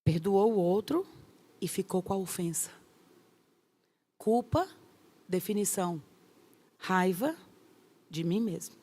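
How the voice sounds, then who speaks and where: A woman pastor, teaching a course in an emphatic, lively way with rhetorical questions. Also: medium pitch, slow pace, pauses often.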